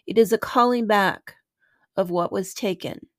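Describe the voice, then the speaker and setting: Woman, spiritual podcast host, very slow measured delivery, soft at times near-whispered, dry close mic. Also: mid-range voice, dry recording. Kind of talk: slow reflective podcast talk.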